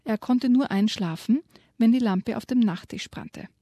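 A woman's voice: fairly high pitch, a little slow, warm tone, no echo, studio quality. A woman reading aloud from a children's book and retelling the story, dropping to a whisper for suspense. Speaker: guest presenting a children's book.

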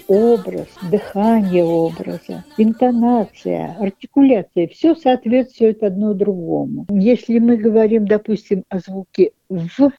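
A woman being interviewed, calmly explaining her teaching method in a measured, thoughtful way with small hesitations. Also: mid-range voice. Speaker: interviewed educator, author of a children's speech method.

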